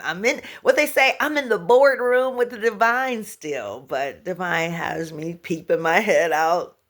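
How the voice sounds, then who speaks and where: Speaking in a mid-range, fairly bright voice, this woman gives her viewers a relaxed spiritual talk. Frequent laughter, humming and scatting fill the gaps between ideas, and she restarts or repeats words while using affectionate names for her audience.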